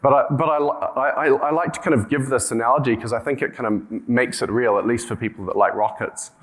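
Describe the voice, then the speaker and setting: A man with a broad New Zealand accent speaks to a conference in an informal way. His voice sits at a middle pitch. He hesitates, doubles back and repeats words as he shapes each thought. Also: fairly even intonation, fairly quick. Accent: broad New Zealand (Kiwi). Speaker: conference speaker, company co-founder and CEO.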